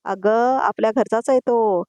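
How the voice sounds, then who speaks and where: A woman's voice: a little high, measured pace, mellow, dry recording, lightly acted. A woman reading Arjun, a flustered young husband. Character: young married man, a lawyer, sheepish and evasive.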